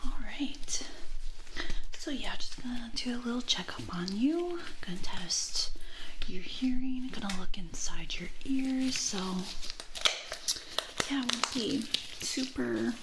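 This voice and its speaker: A woman in a whispered role-play as an ear examiner, speaking in a soft, breath-only whisper with a gentle, reassuring manner and frequent check-ins. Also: a little high, animated, slow pace, background noise. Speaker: ASMR performer playing an ear examiner.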